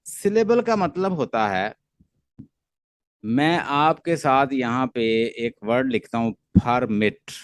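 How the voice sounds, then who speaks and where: A Pakistani-accented man teaches poetry in an online class. He talks at a middling pitch, repeating each point patiently and slipping in English terms. His voice sounds dry and close, with no room around it. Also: lively intonation, takes it slowly, dry recording. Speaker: literature teacher. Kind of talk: online lecture.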